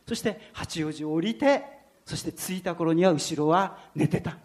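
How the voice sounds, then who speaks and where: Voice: mid-range voice, normal speed. A preacher delivering a sermon, animatedly telling a story and then drawing out its lesson. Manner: animated storyteller, shifts between narration and quoted voices.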